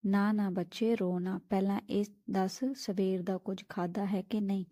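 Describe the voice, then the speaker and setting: A kindly old wandering holy man coaxes a child gently, as a woman reads him. Her mellow voice stays even and level, with a dry close sound. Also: mid-range voice, normal speed, no echo, natural voice. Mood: gentle. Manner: gentle, coaxing. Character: gentle older male wandering ascetic, kindly guru.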